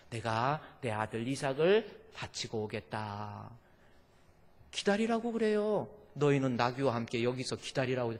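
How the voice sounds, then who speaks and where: A man pastor preaching a sermon in a church, swinging from soft murmurs to shouted cries, with repeated refrains. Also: mid-range voice. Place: church sanctuary. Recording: long reverb of a church hall.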